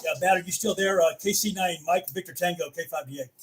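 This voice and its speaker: A man runs an amateur radio net in a casual, conversational way. His voice sits a little high, and he talks haltingly, often repeating words as he goes. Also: very noisy.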